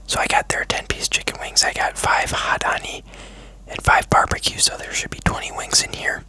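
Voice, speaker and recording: A food vlogger speaking in an unhurried, casual, chatty whisper close to the microphone for an ASMR mukbang video. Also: bright, forceful tone.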